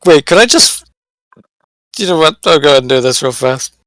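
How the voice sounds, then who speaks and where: A man playing a tabletop game, declaring his actions with a dry, unhurried delivery. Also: a little high, expressive, fairly bright tone, dry recording. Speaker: player. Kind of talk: casual game chat.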